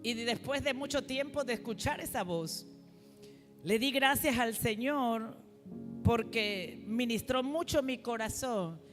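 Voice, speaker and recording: In a church hall, a woman preacher with a fairly high voice speaks slowly, leading a call-and-response sermon in which the congregation repeats her phrases. The hall is reverberant, with faint music playing.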